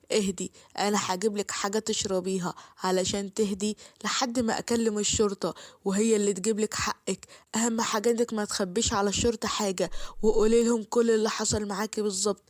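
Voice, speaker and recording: A woman's voice: medium pitch, no room sound, clean studio sound, close to an everyday voice. A woman with an Egyptian accent voicing an angry male doctor who accuses sternly. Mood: gentle.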